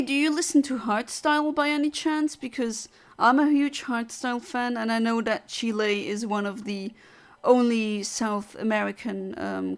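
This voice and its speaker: A woman's voice: medium pitch, gravelly. A woman from southern Luxembourg, chatting casually on a gaming livestream, rambling as she reads out and answers chat. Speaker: streamer.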